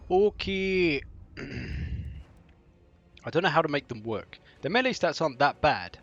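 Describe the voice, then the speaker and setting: A man streaming a game in casual chat, answering viewers with sardonic banter and often clearing his throat. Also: fairly high pitch, very animated, unhurried, a bit bright, lo-fi sound, soft background music.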